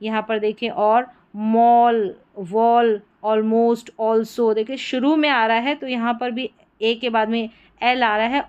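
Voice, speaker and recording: A woman teaching English pronunciation rules, slowly drilling word after word. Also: on the high side, clean tone, highs cut off. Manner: slow, patient word-by-word drilling. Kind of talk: explanatory lesson.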